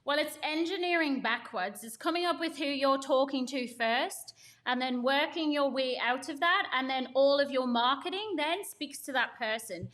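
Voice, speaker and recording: Woman co-host, high voice, emphatic casual explainer on marketing. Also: moderate pace, fairly bright tone. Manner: emphatic, talks in long runs with examples. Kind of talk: casual podcast chat on marketing.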